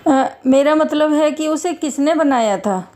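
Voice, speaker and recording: A woman's voice: high voice, measured pace, darkish tone, voice pushed up. A woman voicing a middle-aged male security guard in a spoken story, bantering and fatherly in manner. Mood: remorseful. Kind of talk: storytelling voice acting.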